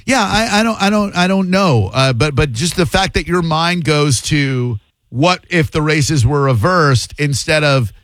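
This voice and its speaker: A male radio host with a fairly high, expressive, slightly bright voice takes calls and rants bluntly, often mocking the callers. It's call-in radio banter, recorded with no room sound.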